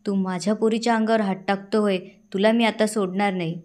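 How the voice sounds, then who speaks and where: A furious, protective father makes threats, read out by a woman narrator. The voice keeps a middle pitch. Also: steady tone, fairly quick, a little mellow, lightly acted.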